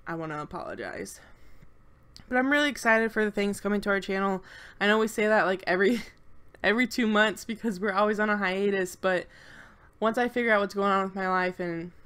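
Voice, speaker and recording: Stuffed-up and congested, a young channel co-host rambles nervously through a game build at home, her casual talk full of fillers. She has a smooth, somewhat bright voice pitched on the low side.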